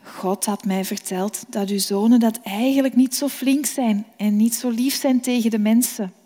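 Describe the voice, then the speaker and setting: A woman's voice: a little high, moderate pace, dark tone, lightly acted. A woman voicing young boy Samuel, eager and earnest, in a storybook reading. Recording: long reverb.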